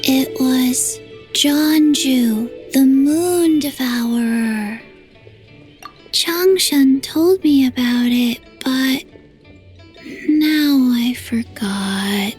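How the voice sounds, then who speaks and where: An actress voicing a small, forgetful girl in a game, speaking in a slow, flat, halting way. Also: high-pitched, faint music behind. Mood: dreamy. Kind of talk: game voice acting.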